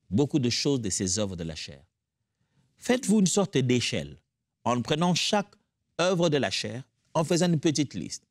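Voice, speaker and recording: A man's voice: medium pitch, dry recording, clean studio sound. A man teaching the Bible in an earnest, exhorting way, moving into fervent prayer.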